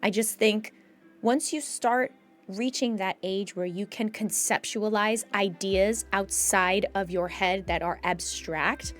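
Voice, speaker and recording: A podcast host who is also a mental health professional leads a conversational discussion with background music. Her mid-range voice moves slowly as she explains things earnestly and emphatically, voicing imagined quotes.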